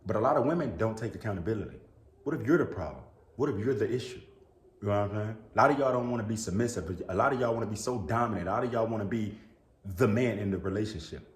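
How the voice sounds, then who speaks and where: Fast and lowish, this man's voice bounces around an echoey room as he talks to his camera. He's a YouTuber with a mild cold that brings on sneezes. His casual, earnest sermonizing is sprinkled with "bro" and "you know what I'm saying."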